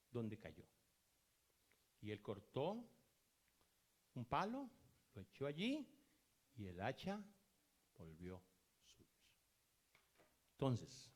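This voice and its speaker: A man preaches a sermon in a calm, storytelling manner. His voice sits a little high and swings widely in pitch. He acts out the voices of the people in his stories without raising his voice. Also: husky. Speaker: pastor.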